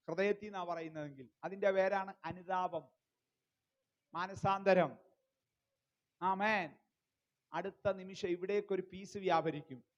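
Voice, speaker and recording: A male pastor preaching a sermon through a personal story, repeating phrases for emphasis and dropping in amen and hallelujah. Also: high voice. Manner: punctuates speech with amen and hallelujah. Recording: dull lo-fi sound.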